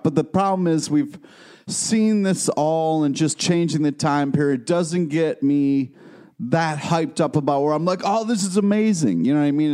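A man's voice: on the high side, mellow. A man co-hosting a casual comic review podcast, talking loosely and colloquially, recorded in an echoey makeshift space with a big hall echo. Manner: loose, colloquial, hedging with "like" and "kind of". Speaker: podcast co-host. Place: echoey makeshift space, not the usual studio. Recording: echoey room outside usual studio.

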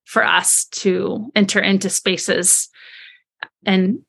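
A woman's voice: mid-range voice, little pitch movement, takes it slowly, gravelly, fairly bright tone, slightly rough. A woman co-hosting a podcast, talking earnestly and reflectively without a script. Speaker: podcast co-host. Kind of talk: unscripted podcast talk.

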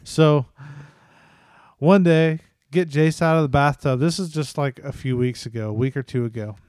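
A man in his thirties, a podcast co-host, telling a lively family story and acting out his kids' voices. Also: a little high, normal speed, smooth, dry recording, clean studio sound. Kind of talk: casual storytelling chat.

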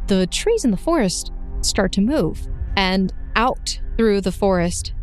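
A woman running a tabletop game, improvising descriptive narration with pauses between phrases. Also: mid-range voice, darkish tone. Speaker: game master. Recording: music behind the voice.

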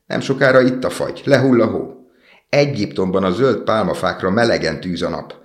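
A man's voice: fairly low pitch, roomy sound, pitched above the performer's own voice, close to an everyday voice. A man reading a storybook aloud and voicing a small, devoted male swallow, lifting his voice for the bird's eager, pleading lines. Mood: wistful.

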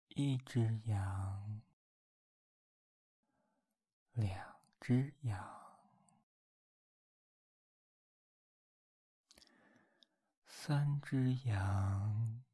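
Male actor as tender teasing boyfriend, binaural ASMR role-play: very slow, soft and mellow, intimate at the ear. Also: fairly low pitch, breathy edge, no echo, heavily acted. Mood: soothing, sleepy. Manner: intimate binaural murmur close to the listener's ear; slow, coaxing, playful. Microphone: very close binaural microphone, dry.

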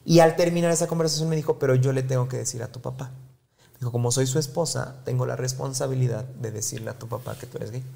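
A man with a Mexican Spanish accent tells a personal story as an interview guest. His mid-pitched voice carries a gravelly edge. He keeps the retelling lively and slips into the voices of his family. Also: quick pace.

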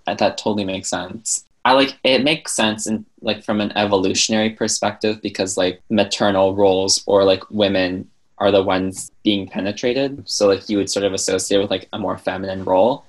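A man's voice: fairly low pitch, steady tone, normal speed. A young man as a podcast guest in casual chat, joking dryly and filling his talk with "like.". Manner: sarcastic, joking, many "like" fillers.

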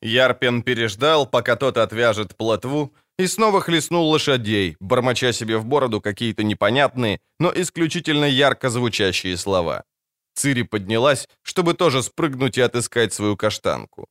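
A man narrating an audiobook in a measured storytelling manner. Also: mid-range voice, animated, fairly bright tone, no room sound, studio quality. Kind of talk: scripted narration.

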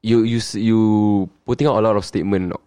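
A man's voice: lowish voice, fairly even intonation, a little fast, dark tone, clear, resonant tone. A man with a Singaporean accent hosting a podcast in a casual, conversational style. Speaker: podcast host. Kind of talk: casual chat.

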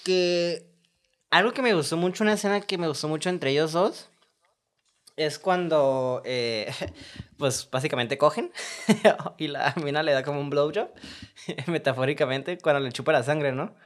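A man with a Mexican Spanish accent chatting about movies on a podcast, crude and joking, telling his stories in an animated way. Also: on the high side, a little slow. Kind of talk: casual film discussion.

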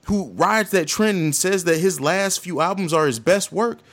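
A man's voice: high-pitched, normal speed, fairly bright tone. A man co-hosting a casual podcast, laying out his opinions at length. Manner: opinionated, lays out arguments at length. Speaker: podcast co-host. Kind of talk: casual chat.

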